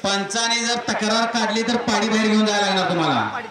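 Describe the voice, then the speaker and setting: A man announcing rules and numbers over a loudspeaker PA system at a livestock show, in a formal, directive way. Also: high-pitched, lively intonation, quick pace. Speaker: event announcer. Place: outdoor cattle show ground. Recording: echoey PA sound from far off amid a crowd.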